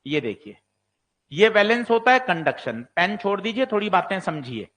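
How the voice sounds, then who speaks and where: A man's voice: sits high, big pitch swings, normal speed, a bit bright. A man teaches physics in an exam-prep lecture. He fires questions at his students and answers them himself. Now and then he takes the student's part to voice a doubt. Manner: plays the student voicing doubts.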